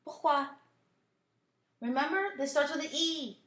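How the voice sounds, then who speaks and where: Woman language teacher, bilingual lesson, slow careful delivery, roomy echo. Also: fairly high pitch. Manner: slow, drawn-out model pronunciation; playful, teasing asides. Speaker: French teacher.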